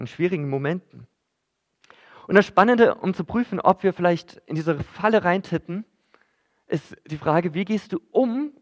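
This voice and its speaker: A man with a slightly high voice preaches a sermon in church, talking conversationally, addressing listeners directly and using frequent fillers.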